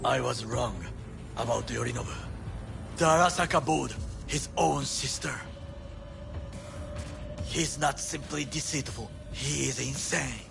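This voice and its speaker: An actor playing a stern, loyal bodyguard in a video game, speaking gravely and formally. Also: male voice, medium pitch, unhurried, pauses often, music in the background. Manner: grave, clipped, formal phrasing. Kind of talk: dramatic video game acting.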